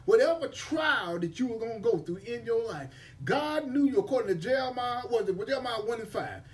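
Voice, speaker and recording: A man's voice: very high voice, animated, fairly quick. A man preaching an impassioned sermon in a rising and falling cadence. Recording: voice from far off the mic.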